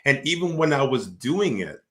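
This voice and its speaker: A man's voice: mid-range voice, big pitch swings, normal speed, pushed and bright. A man hosting a casual talk as an entrepreneur, speaking reflectively and often filling with "like". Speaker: host and entrepreneur.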